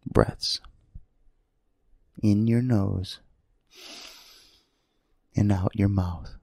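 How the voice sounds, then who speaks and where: A guided meditation leader, a man, eases listeners toward sleep in a gravelly, soothing, fairly low voice with a steady tone. He speaks very slowly in short, gentle phrases with long pauses between them. The sound is close and dry, with no echo.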